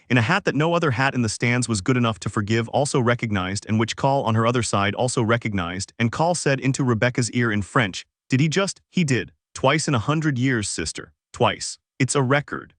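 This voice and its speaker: A man's voice: mid-range voice, a bit bright, no room sound. Man narrating a story in a dry, close voice. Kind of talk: scripted narration.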